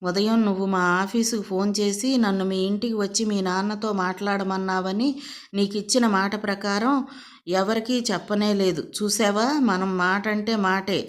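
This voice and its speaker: A brash young man who boasts loudly about keeping his word, as a woman reads his lines. The voice stays close to the reader's own, in a storybook reading. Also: mid-range voice, flat delivery, moderate pace, lightly acted. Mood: boastful.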